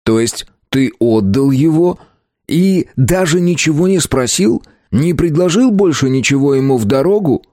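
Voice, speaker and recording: Male reader as a gruff, barking curator, blunt and pushy, lively delivery. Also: a little high, moderate pace, dry recording, studio quality, voice pushed up, close to an everyday voice. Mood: pressing.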